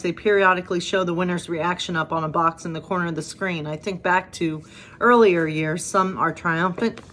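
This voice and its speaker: Her voice sits on the low side and sounds a bit bright; she is a pastor in her thirties. Chatty and lightly humorous, she pokes fun at herself while shifting between informal devotional remarks and passages read aloud.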